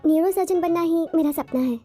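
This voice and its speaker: A woman's voice: very high voice, fairly quick, warm tone, soft background music. A young woman playing a proud, touchy medical student in a film dub. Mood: prim. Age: young adult.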